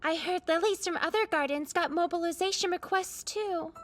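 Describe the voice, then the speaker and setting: A woman's voice: very high voice, moderate pace, soft background music. A woman voicing a cheerful, earnest teenage girl soldier in an anime dub, chatty and a little worried. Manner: bright, chatty, a bit worried. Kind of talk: anime English dub acting.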